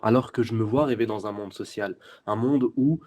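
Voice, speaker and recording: A young man of twenty-one with a Belgian French accent, speaking in a fairly low, mellow voice. He explains his views earnestly, step by step, as a guest in an interview. He often hesitates and restarts his sentences. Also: normal speed. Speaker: guest, youth party section president. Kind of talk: interview answers.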